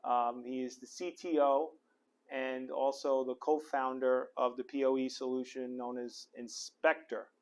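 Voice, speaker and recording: A man's voice: medium pitch, flat delivery, measured pace. A middle-aged man hosting a podcast from an office, chatty and upbeat, with lots of fillers and restarts. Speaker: podcast host. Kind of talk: casual interview chat. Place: office in the city.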